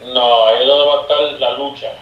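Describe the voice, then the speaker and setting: A man's voice: mid-range voice, steady tone, brisk, highs cut off. A man speaking as a guest sorcerer in an interview, telling a story in casual speech, acting out its dialogue and dropping English words into his Spanish. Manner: acts out dialogue in his stories. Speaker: guest sorcerer sharing experiences. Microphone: remote call. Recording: echoey distant call line with faint noise.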